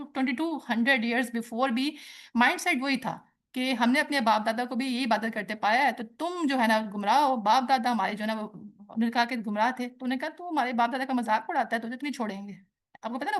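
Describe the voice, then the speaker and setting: A woman's voice: fairly high pitch, fairly bright tone. A woman giving a religious lesson, explaining at length and mixing in English phrases and quoted Arabic. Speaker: teacher. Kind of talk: religious lecture.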